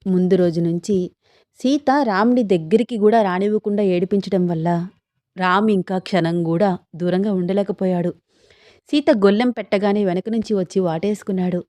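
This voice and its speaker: A woman narrating a romantic story, voicing the dialogue of both lovers herself and lifting her pitch for the heroine. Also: steady tone, normal speed, dark tone, no echo, clean studio sound.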